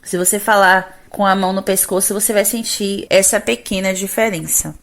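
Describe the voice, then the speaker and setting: A woman's voice: mid-range voice, fairly bright tone. Brazilian woman teaching singing. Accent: Brazilian Portuguese. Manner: explains step by step, ending phrases with "né?" and singing brief vocal demonstrations. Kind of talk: explanatory vocal lesson.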